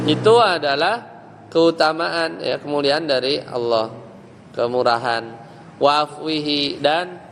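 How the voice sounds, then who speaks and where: A male religious teacher giving a classroom lesson, quizzing students on grammar with quick questions. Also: a little high, a bit bright, long reverb tail, slight background noise, low-quality recording. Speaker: Islamic teacher.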